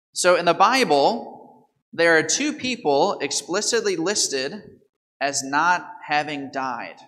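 Reading the gospel and then delivering a homily, a priest in his thirties questions the congregation and quizzes children in a spacious church. His tone is sharp and his pitch on the high side. The audio comes from the altar mic, with a remote camera.

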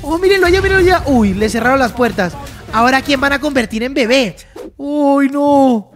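A YouTuber giving excitable reaction commentary, laughing often and reading the characters' lines aloud. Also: high voice, normal speed. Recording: music playing underneath.

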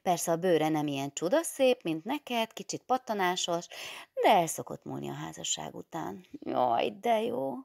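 Egy nő olvassa fel egy pletykás, lelkes fiatal férjes asszony szavait egy hangoskönyvben. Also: female voice, lowish voice, sing-song, gravelly, a little mellow, dry recording, clean studio sound, pitched above the performer's own voice, exaggerated voice. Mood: cheerful gossip. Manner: gushing, teasing matchmaker chatter. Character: chatty, gossipy young married woman.

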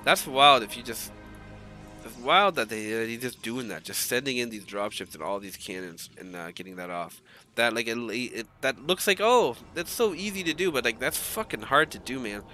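A man calls a strategy game match in loose, rambling play-by-play, cursing now and then as he restarts his sentences. His voice carries a bright, forceful edge, even though it still sounds groggy from just waking up. Faint music plays underneath. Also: mid-range voice, normal speed. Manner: rambling, casual play-by-play with frequent restarts and swearing. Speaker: esports caster. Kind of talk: live game commentary.

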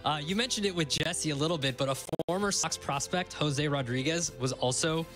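A man's voice: a little high, a little fast, over music. A young man at a radio studio mic, reading sports news items steadily with frequent fillers. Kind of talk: casual news rundown. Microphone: studio mic with headphones.

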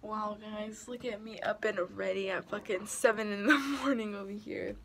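A woman's voice: medium pitch, fairly even intonation, moderate pace, vocal fry, fairly bright tone. A young woman chatting casually into her phone camera while getting ready for the gym, talking freely and swearing often. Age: young adult. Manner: chatty and profane, with many fillers. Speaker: vlogger. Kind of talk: casual vlog chat. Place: home, then car.

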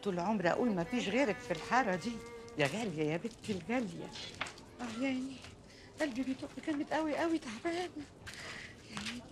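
An actress with an Egyptian Arabic accent playing a dramatic, sharp-tongued older aunt who scolds her nieces. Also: on the high side, lively intonation, fast, over music, lightly acted. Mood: complaining.

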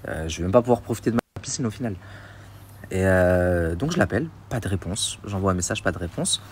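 A man's voice: deep voice, animated, brisk, slight background noise. A man indignantly retelling a dispute in a casual phone story, recorded on a phone. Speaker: storyteller in a social media story.

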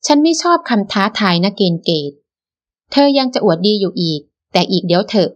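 A woman's voice: medium pitch, expressive, a little fast, muffled recording, lightly acted. A woman playing a sneering young villainess. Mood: taunting. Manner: sneering, sweetly mocking.

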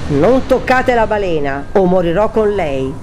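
Storybook role: a brave, devoted young boy, voiced by a woman, pitched up and earnest, over loud music. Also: big pitch swings, a little fast, lightly acted. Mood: defiant. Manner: earnest, pleading. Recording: loud music bed behind.

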